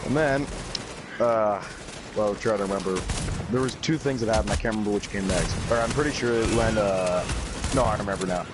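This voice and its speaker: A young man telling a rambling party anecdote, swearing constantly and getting loud when he quotes people. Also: lowish voice, fairly quick. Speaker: storyteller. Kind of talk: casual anecdote to camera. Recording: loud steady background noise.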